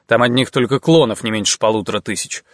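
A man voicing a grim, earnest soldier, low and heavy. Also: a bit bright, no echo, studio quality, close to an everyday voice. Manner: gloomy, earnest, measured. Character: grim, serious young male soldier, thoughtful.

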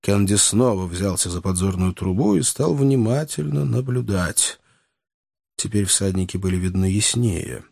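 A man narrating an adventure audiobook in measured storytelling. His pitch is animated. The sound is dry and close. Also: vocal fry, husky, dry recording. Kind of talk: scripted narration.

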